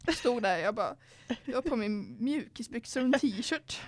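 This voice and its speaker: Young woman, high voice, dry close sound, casual storytelling, podcast host. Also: expressive, no room sound. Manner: storytelling, acts out quoted dialogue. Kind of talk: casual chat.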